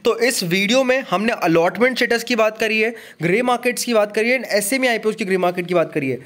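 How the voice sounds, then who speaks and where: A man's voice: sits high, a bit bright. A man hosting a finance channel, talking viewers through a screen-recorded tutorial and mixing English terms into his explanations. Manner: fast, repetitive explainer, many English terms. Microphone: voice-over on screen recording.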